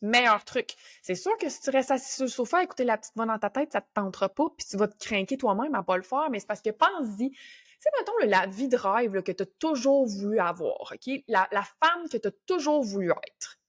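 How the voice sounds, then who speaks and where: A woman's voice: fairly high pitch, lively intonation, brisk. A young woman with a Québécois French accent hosting a motivational podcast, talking casually and coaching listeners with English words mixed in. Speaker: podcast host.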